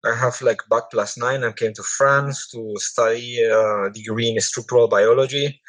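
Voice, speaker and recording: A man's voice: mid-range voice, steady tone, normal speed, fairly bright tone, no room sound, rough recording. A man in his thirties from Peru, a medical doctor, chatting casually in a community AMA, hesitant with many restarts. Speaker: project founder, medical doctor.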